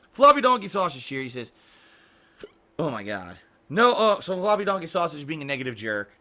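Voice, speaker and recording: Bright-voiced man rambling on a livestream. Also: a little high, sing-song, normal speed. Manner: rambling, restarts often, clears throat a lot. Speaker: streamer. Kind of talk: casual livestream chat reading viewer messages.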